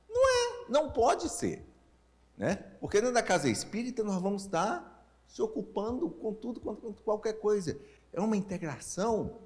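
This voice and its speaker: A Brazilian man in his sixties lectures informally in a fairly high, very lively voice. His articulation is a little slurred from a tongue-tie, and he keeps posing questions to his listeners. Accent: Brazilian Portuguese. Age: 60s. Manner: animated, checks in with listeners using short tag questions. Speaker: speaker leading a Spiritist family-ministry session.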